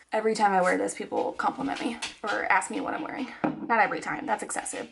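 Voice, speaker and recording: A woman in her twenties talks in an informal, chatty vlog style. Her pitch sits in the middle range for a woman, and the room around her adds a clear echo. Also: slight background noise. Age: 20s. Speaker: vlogger. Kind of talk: casual personal vlog chat. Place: indoors at home, echoey room. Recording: echoey, roomy home recording.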